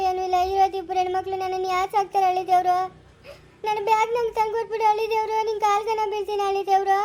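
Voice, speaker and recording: A woman's voice: extremely high pitch, a little mellow, a little hiss or hum. A woman playing a poor, aging mother-in-law who begs through tears, with a Chikkaballapur Kannada accent. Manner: tearful, begging, repetitive. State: crying.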